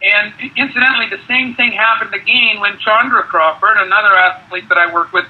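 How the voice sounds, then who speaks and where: High-voiced older man recalling a coaching career, muffled. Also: steady tone, fairly quick, slightly rough. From Canada. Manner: rambling with many restarts and repeated words. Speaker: guest, ski area manager and former cross-country ski coach. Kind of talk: conversational interview.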